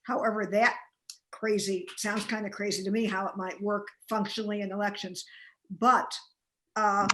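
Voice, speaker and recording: A woman interviewer putting questions in a live panel interview, halting and often restarting mid-sentence. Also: medium pitch, little pitch movement, pushed and bright, slight background noise. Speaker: interviewer, journalist.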